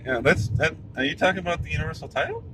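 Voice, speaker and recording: A man's voice: on the high side, sing-song, rapid-fire, heavy background noise. A man hosting a casual wrestling chat while driving, easygoing with trailing restarts. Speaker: host. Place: inside a moving car.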